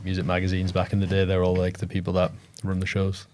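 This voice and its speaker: A man's voice: sits low, completely flat delivery, quick pace, a little mellow, slight background noise. A man who is a guest on a podcast, chatting casually with a dry, teasing humour. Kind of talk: casual chat.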